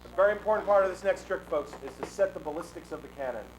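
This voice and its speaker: A man playing a grandiose flea circus showman, delivering theatrical, mock-solemn carnival patter with dramatic pauses. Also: high voice, slight background noise, pitched above the performer's own voice, lightly acted, poor audio. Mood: grandly mock-solemn. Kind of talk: live comic circus showman performance.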